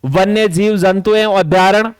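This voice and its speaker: Exam tutor, male, high clear voice, lists topics and repeats instructions. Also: steady tone, normal speed, dry recording. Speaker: exam coaching teacher. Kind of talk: syllabus walkthrough lecture.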